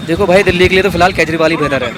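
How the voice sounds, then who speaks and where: A young man arguing insistently in a street interview. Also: sits high. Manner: fast, insistent, argumentative. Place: busy city street outdoors. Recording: noisy street crowd around. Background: crowd and traffic.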